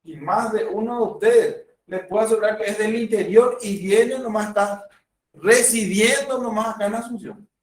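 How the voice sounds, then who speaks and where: A man's voice: sits high, moderate pace. A man with a Paraguayan accent giving a university medical lecture, explaining with examples and acted patient dialogues. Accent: Paraguayan Spanish. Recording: roomy, from far off the mic.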